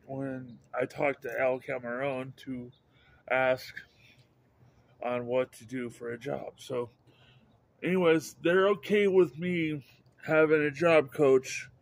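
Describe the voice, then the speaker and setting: Holding his phone camera at arm's length, a middle-aged man from Idaho, USA rambles through a casual vlog outdoors by a house on an overcast day. He speaks slowly and upbeat in a slightly high voice, halting and restarting words often. The recording is dry.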